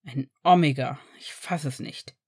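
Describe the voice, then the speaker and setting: A woman's voice: rumbling low, unhurried, a little mellow, slightly rough, voice pushed down, exaggerated voice. A woman voicing an angry, contemptuous middle-aged werewolf father who speaks bluntly and thunders at the doctor. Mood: furious.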